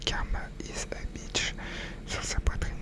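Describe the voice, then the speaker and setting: A person reading a novel aloud in a soft, unvoiced ASMR whisper, in an unhurried storytelling manner with occasional stumbles.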